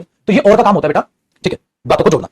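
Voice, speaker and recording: A man's voice: sits high, animated, racing, husky. A man with an Indian accent teaching an English grammar lesson in Hindi, repeating each point and calling his students "beta".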